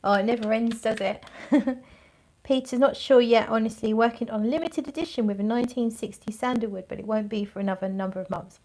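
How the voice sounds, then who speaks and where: A woman's voice: a little high, fairly even intonation, fairly quick, mellow, a little hiss or hum. A woman hosting a casual livestream as a fragrance reviewer, thinking aloud in a rambling, conversational way and searching for her words.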